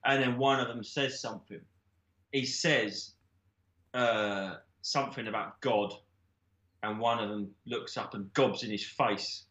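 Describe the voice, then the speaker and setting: A man's voice: fairly low pitch, measured pace. A man telling a made-up film plot in comic, rambling chat, acting out the characters. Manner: rambling, animated, breaks into laughter while acting out scenes. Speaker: podcast guest pitching made-up films. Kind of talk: comedic storytelling chat. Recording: roomy echo.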